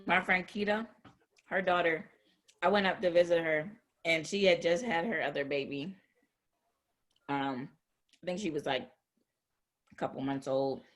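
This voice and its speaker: A woman's voice: sits low, measured pace, pauses often. A woman telling a story in casual chat, acting out what others said. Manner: lively storyteller, acts out quotes.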